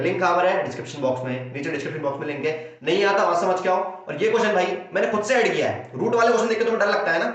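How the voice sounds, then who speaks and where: A young man with an Indian Hindi accent races through an exam-prep maths lesson in a high voice, repeating himself and voicing his students' doubts before he answers them. The sound is dull and lo-fi, in a very echoey room. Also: a bit bright. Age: young adult. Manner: rapid, repetitive, acts out student questions and answers them. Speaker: maths tutor.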